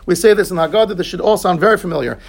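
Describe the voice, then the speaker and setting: A man's voice: high voice, vocal fry. A man teaching a Talmud class, explaining each term in English and answering his students. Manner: explains terms in English, quick asides to students.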